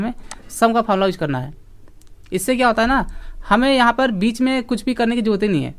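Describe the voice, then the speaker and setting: A man's voice: sits high, fairly bright tone. A man teaching an online computer class, explaining each step patiently and repeating key points. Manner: patient, explains step by step, scolds interrupting students sternly.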